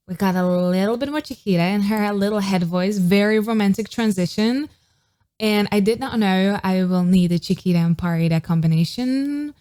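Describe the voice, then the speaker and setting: A woman's voice: medium pitch, a little mellow. A woman vocal coach giving an enthusiastic, casual reaction to a pop song, now and then singing short riffs to show a technique. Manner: enthusiastic, demonstrates sung riffs.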